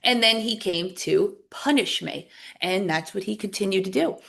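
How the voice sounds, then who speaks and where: A woman's voice: mid-range voice, normal speed, vocal fry, fairly bright tone. A woman, a guest telling her own story in a podcast interview and acting out both sides of old arguments. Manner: candid, acts out both sides of past conversations. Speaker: guest author and recovery coach.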